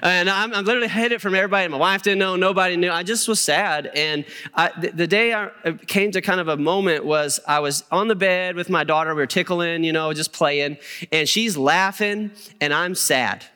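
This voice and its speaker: A man's voice: high-pitched, a little fast, pushed and bright, clear, resonant tone. A middle-aged man preaching a sermon with personal stories, in a conversational way, often checking in with "okay?". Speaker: pastor. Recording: reverberant hall.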